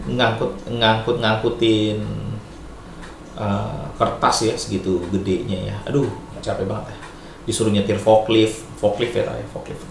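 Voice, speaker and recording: A man's voice: lowish voice, unhurried, creaky. Chatty middle-aged man in an echoey room. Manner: chatty and lively, mixes in Japanese and English words, laughs often. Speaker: vlogger giving advice. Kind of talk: casual advice talk. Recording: echoey room, faint background noise.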